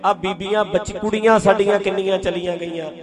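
A man's voice: high-pitched, brisk. A man preaching a sermon, telling stories and acting out quotes while talking straight to his listeners. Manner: animated storyteller acting out quotes, addressing listeners directly. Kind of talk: sermon to a congregation. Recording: sermon with loud music behind. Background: clear background music.

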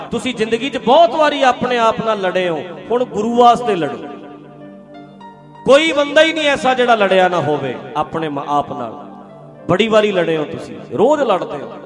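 High-voiced preacher man over music. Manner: earnest, asks listeners rhetorical questions and addresses them directly. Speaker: Sikh preacher. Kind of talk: conversational religious sermon.

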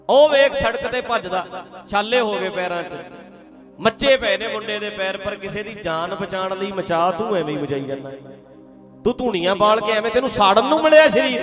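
A man from Punjab in India preaching a Sikh sermon to a congregation, lively and teasing, throwing rhetorical questions at his listeners. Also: high voice.

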